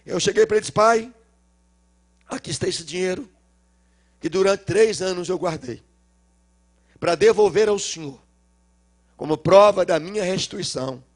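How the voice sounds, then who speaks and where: A middle-aged male pastor with a Minas Gerais accent, preaching a sermon and acting out the dialogue of a story, swinging between loud cries and low murmurs. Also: normal speed, long pauses. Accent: Brazilian Portuguese, Minas Gerais. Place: church.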